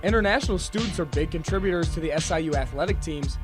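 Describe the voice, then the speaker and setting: Guy anchoring sports news, slightly high voice, music under him. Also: fast. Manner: even, anchor-style read. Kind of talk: scripted news presenting.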